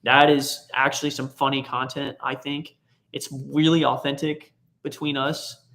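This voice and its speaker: A man's voice: medium pitch, flat delivery, unhurried, a bit bright. A young man from Texas, co-hosting a travel channel livestream in an easygoing way and often repeating words as he starts a sentence. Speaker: travel vlogger co-host. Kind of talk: casual livestream chat.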